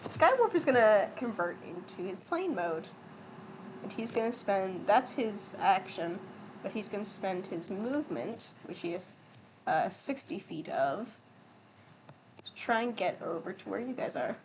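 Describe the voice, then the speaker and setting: A woman running a tabletop game, talking casually and breaking into laughter often. Her pitch sits in a middle range for a woman. A faint noise hums under her voice. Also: expressive, a little slow, darkish tone, poor audio. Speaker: game master.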